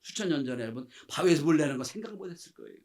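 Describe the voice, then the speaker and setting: Male pastor, middle-aged, fairly high-pitched, impassioned sermon, loud peaks and hushed drops. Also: lively intonation, very fast.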